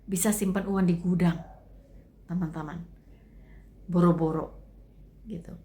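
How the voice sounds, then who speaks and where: A woman's voice: lowish voice, fairly even intonation, unhurried, dark tone. A woman giving casual commentary to her viewers, chatty and full of trailing fillers. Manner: chatty, addresses listeners as friends, trailing fillers.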